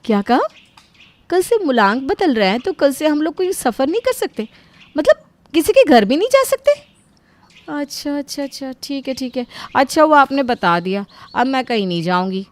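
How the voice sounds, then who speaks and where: A woman voicing a sly young wife who schemes to keep her sister-in-law home and fakes a loud phone call. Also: high-pitched, steady tone, fairly quick, few pauses, no echo, voice pushed up, lightly acted. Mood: fake cheerful.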